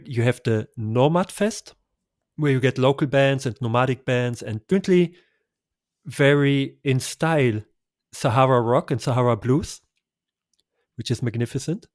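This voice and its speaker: In a conversational travel interview, a male guest gushes with recommendations and little laughs. His mid-range voice is recorded dry, with no room sound.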